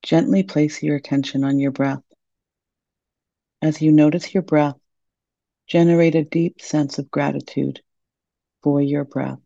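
A woman leading a guided meditation in a soft, soothing, gentle manner, on a dull lo-fi recording. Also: deep voice, fairly even intonation, measured pace, creaky, long pauses, no room sound.

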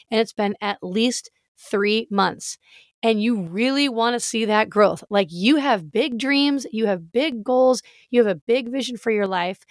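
A woman's voice: fairly high pitch, no room sound, clean studio sound. A middle-aged woman talking casually and enthusiastically as a podcast host, with a friendly, emphatic delivery. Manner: friendly, emphatic, direct address to listeners.

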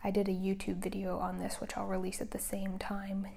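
A woman hosting a casual solo podcast, talking softly in a hushed near-whisper at home so that someone in the next room is not disturbed. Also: medium pitch, monotone, a little fast, vocal fry. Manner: soft, hushed near-whisper to keep quiet. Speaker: podcast host.

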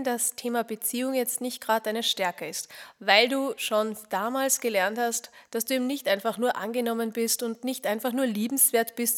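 A woman hosting a motivational podcast, speaking earnestly and straight to the listener, often dropping to a soft near-whisper. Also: on the high side. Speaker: podcast host.

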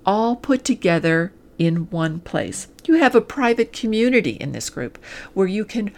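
An executive coach and podcast host, a woman, reads a scripted promotional pitch aimed straight at the listener. Earnest and deliberate, she stresses points in short listed phrases, her gravelly, darkish voice swinging widely in pitch.

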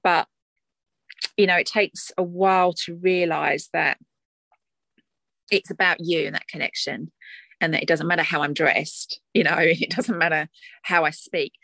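A woman's voice: deep voice, fairly even intonation, a little slow, gravelly, long pauses, fairly bright tone, no room sound, poor audio. A woman with an Essex accent in a casual, reflective chat, talking in a chatty, conversational way as an interview guest.

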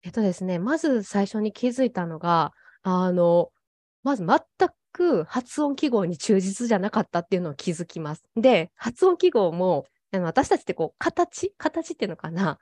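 A woman guest talking thoughtfully about her coaching, pausing often with fillers. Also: medium pitch, lively intonation, a little mellow, dry recording, studio quality. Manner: thoughtful, pauses with frequent fillers. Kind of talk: casual interview talk.

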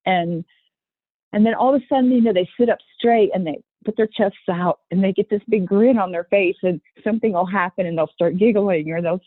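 A woman's voice: medium pitch, fairly quick, no echo. Earnest woman on a tinny phone line. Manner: earnest, restarts often, acts out voices when quoting. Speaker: guest running a youth horse program. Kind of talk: conversational interview.

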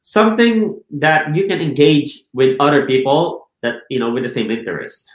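His voice is a little high and his pace moderate. This Filipino real estate team leader talks casually in an interview, regularly restarting sentences, repeating words and asking "right?", on a rough recording with roomy sound.

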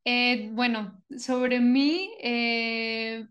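A woman from Venezuela, a guest on a casual podcast, talking in a halting way with many pauses and restarts. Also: a little high, fairly even intonation, a bit bright, muffled recording. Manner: hesitant, many fillers and restarts. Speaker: guest, doctor of Chinese medicine.

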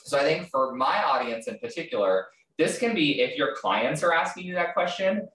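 A man's voice: fairly high pitch, lively intonation, moderate pace, fairly bright tone. A man hosting a podcast interview, chatting casually with lots of fillers and restarts. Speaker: podcast host. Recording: roomy sound, distant from mic.

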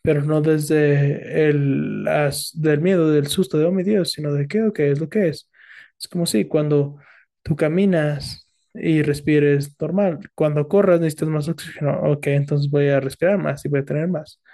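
A man speaking as a podcast guest in a relaxed, reflective, casual conversation, with fillers and restarts. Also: fairly high pitch, measured pace, creaky.

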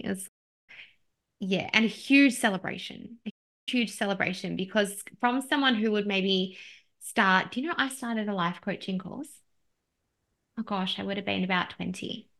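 A woman's voice: medium pitch, moderate pace, gravelly, bright, forceful tone. A woman in her thirties, a podcast host sitting as the guest, talking candidly and laughing often at herself in a conversational interview.

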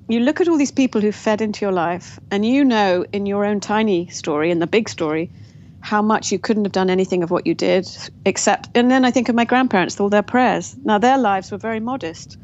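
Brisk and a little mellow, her medium-pitched voice belongs to a guest author from England. In this interview she reflects on her family story with frequent restarts, and the recording is dull and lo-fi with a faint hiss of noise.

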